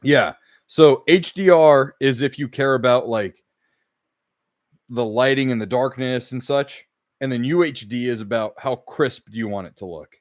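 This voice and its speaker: A man's voice: medium pitch, normal speed, dry recording, studio quality. A man co-hosting a gaming podcast, chatting casually, rambling and reading out chat comments with the odd swear word. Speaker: podcast co-host.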